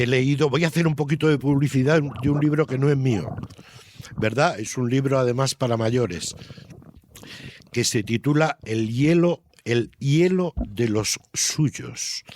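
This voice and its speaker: An older man with a Castilian Spanish accent, his mid-range voice a little mellow, answers interview questions as a children's author. He explains things conversationally and often uses tag questions.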